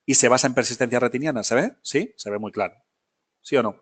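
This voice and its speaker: A man's voice: medium pitch, quick pace, husky. A man teaching a film history class live, talking casually, often checking in with his students and correcting himself as he goes. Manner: many fillers and self-corrections.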